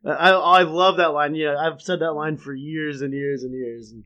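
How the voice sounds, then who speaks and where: A man with a somewhat high voice co-hosts a casual podcast review. He laughs a lot and recites favorite lines from memory in an easy, chatty way. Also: steady tone, normal speed, sharp tone, muffled recording. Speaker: podcast co-host.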